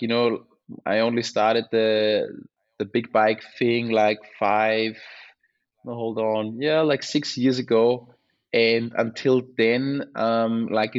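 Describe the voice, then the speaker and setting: An Austrian man, native in German, talks casually in a low voice with very little melody. He is hesitant and often searches for words. The recording is a little dull. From Austria, small village. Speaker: interview guest, mountain bike rider. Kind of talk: casual chat.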